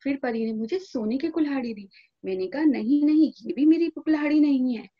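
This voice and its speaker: A woman's voice: sits high, animated, a little fast, dull audio. Honest woodcutter, voiced by a woman. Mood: earnest. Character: honest, hardworking young male woodcutter.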